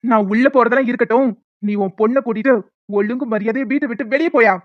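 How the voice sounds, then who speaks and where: A woman's voice: on the high side, fast talker, no room sound, lightly acted. A woman voicing a young husband in a cartoon who hurls angry accusations, in a dry, dull lo-fi recording. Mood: furious. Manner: shouting accusations. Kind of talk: amateur cartoon voice acting.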